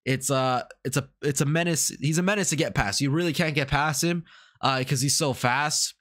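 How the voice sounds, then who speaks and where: This man's voice sits on the high side and is slightly bright, moving at a moderate pace. He's a gaming YouTuber congested with a cold, wandering through his game commentary with lots of filler words and repetition.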